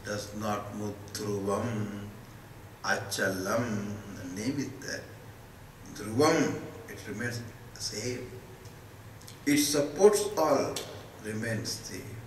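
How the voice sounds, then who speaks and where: Indian man teaching in an echoey hall. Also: lowish voice. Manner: emphatic, rhetorical questions with short deliberate answers. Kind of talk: spoken philosophical discourse to students. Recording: echoey hall, distant mic, faint noise.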